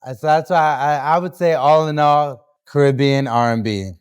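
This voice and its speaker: Appearing as a guest artist on a laid-back podcast, a young New Hampshire man chats at a moderate pace, often restarting and using fillers. He has a fairly high, clear, resonant voice.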